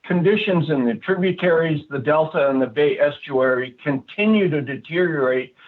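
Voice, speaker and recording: A man's voice: a little high, moderate pace. Man commenting over a tinny phone line. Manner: earnest, hesitant, frequent "uh" fillers and restarts. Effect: speaking over a phone line. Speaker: public commenter at a board meeting. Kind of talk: prepared public comment.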